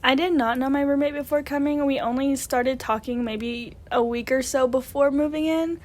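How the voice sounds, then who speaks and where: A woman's voice: high voice, fairly even intonation, moderate pace, darkish tone. A young college woman from Louisiana answering questions in a casual, easygoing way. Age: young adult. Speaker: interviewee.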